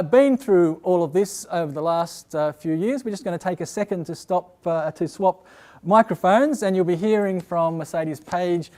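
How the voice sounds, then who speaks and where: An Australian man giving a university open day talk as a lecturer, measured and pausing often with "uh". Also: high voice, a little mellow. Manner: measured, with frequent "uh" pauses.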